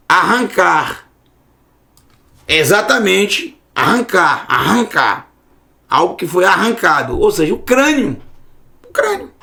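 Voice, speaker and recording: A man's voice: sits high, vocal fry, a bit bright. A man giving a casual online Hebrew lesson, repeating words to drill their sound. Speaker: Hebrew teacher.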